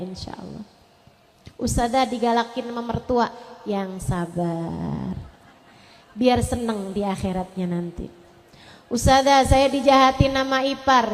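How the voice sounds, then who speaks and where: Woman, high-pitched, emotive sermon, loud pleading to soft tenderness, reverberant hall. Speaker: preacher. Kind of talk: religious sermon.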